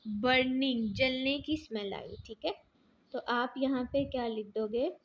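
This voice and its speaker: Lady teacher going through english grammar drills, high voice, kinda dull faint-hissy recording. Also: unhurried. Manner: patient, step-by-step, often asks and answers her own questions; mixes English words into her explanations. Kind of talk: explaining grammar exercises.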